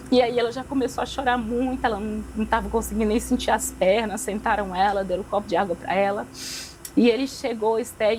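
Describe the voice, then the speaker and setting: A woman's voice: a little high, darkish tone, a little hiss or hum, rough recording. A young woman giving a religious testimony as a podcast guest, repeating phrases for emphasis and acting out the dialogue she recalls.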